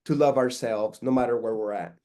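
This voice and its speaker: A middle-aged Peruvian man, a guest artist, talks casually in an interview, relaxed and rambling, with many fillers and restarts. His voice is medium-pitched and fairly quick.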